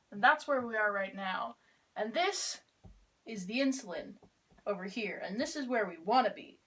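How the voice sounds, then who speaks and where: A teenage girl making a class video, explaining a biology topic in a casual, wry, deadpan way while kneeling to draw with chalk. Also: a little high, rough recording. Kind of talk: casual explainer with sarcastic asides. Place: kneeling on the ground drawing with chalk.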